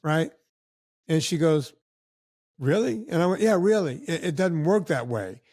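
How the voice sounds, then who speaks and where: A man guest on a podcast, telling casual stories in an animated way and acting out what other people said. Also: on the high side, a little slow, dry recording, studio quality. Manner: animated anecdotes with acted-out quotes of other people. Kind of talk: casual storytelling.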